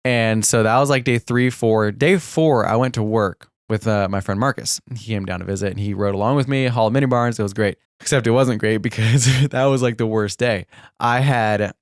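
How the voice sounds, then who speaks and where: A man's voice: lowish voice, normal speed, dry recording, studio quality. A young man co-hosting a podcast, telling a long story in a rambling, casual way, laughing often and saying "like" a lot. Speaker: podcast co-host.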